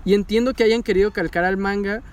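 High-voiced, excitable man. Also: fast talker. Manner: animated, excitable, swearing freely. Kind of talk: casual chat recapping an anime.

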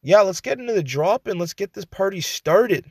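A man's voice: high voice, expressive, normal speed, background noise. A man, hosting a podcast intro in a theatrical ringmaster's showman manner. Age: 20s. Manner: ringmaster-style showman announcing. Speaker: podcast host.

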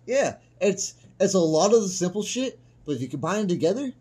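A man's voice: high-pitched, sing-song, brisk, a little mellow, a little hiss or hum. A man in casual conversation, giving blunt opinions and swearing freely. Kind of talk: casual chat about food.

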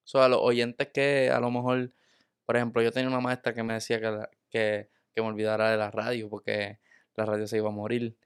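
A man from Puerto Rico asks questions in a relaxed podcast chat, restarting and repeating words as he thinks. His voice is smooth and fairly flat, recorded close and dry. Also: on the low side, brisk, no echo. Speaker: podcast interviewer. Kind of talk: casual interview chat.

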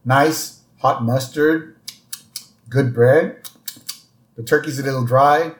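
A man co-hosting a podcast, chatting casually as he recaps a cartoon episode and slips into quick character voices. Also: mid-range voice, steady tone, reverberant. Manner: retells scenes with quick put-on character lines. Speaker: podcast co-host.

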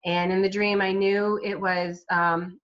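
A woman guest telling her personal faith story in an interview, halting, with frequent restarts, recovering from a brain injury. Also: mid-range voice, little pitch movement, muffled recording. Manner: halting, with many restarts and fillers. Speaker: guest, self-published author.

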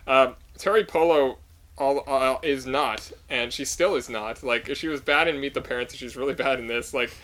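A man's voice: mid-range voice, moderate pace, a bit bright. Man giving a rambling film review. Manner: rambling, many fillers and likes. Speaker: podcast co-host. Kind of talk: casual movie review chat.

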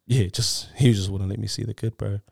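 Kiwi guy, broad accent, lowish gravelly voice, real casual storytelling, close dry sound. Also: fairly even intonation, a little fast, no echo. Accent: broad New Zealand. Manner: slangy, often tagging sentences with "bro" and "eh". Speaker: interview guest. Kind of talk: candid casual personal storytelling.

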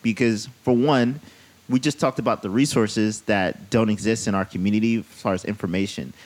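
Male podcast host, lower register, casual and blunt, curses freely. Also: fairly even intonation, moderate pace. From United States. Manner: loose and blunt, swears freely. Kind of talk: casual conversational interview.

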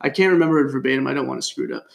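A man's voice: medium pitch, very fast, vocal fry. A young man from California co-hosting a sports podcast, telling stories with many fillers. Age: young adult. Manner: storytelling, with frequent fillers. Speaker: podcast co-host. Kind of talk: casual sports chat.

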